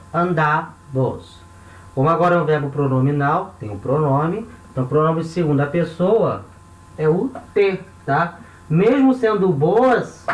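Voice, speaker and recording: A man with a Brazilian accent teaching a recorded online lesson, patiently repeating words slowly and checking in with short questions. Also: on the high side. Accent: Brazilian Portuguese, Rio de Janeiro. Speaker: language teacher. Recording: echoey room.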